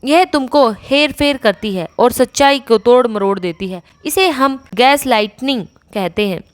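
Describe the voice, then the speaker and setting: A woman voicing a brawny male demon warrior who lectures in a slow, grave way. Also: fairly high pitch, dry recording, close to an everyday voice.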